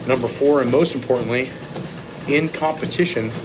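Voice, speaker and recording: A man's voice: medium pitch, moderate pace, noisy background. A man giving a casual, opinionated, off-the-cuff training monologue as a strength coach, speaking bluntly. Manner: blunt, opinionated, occasional swearing. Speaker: strength coach and former competitive lifter.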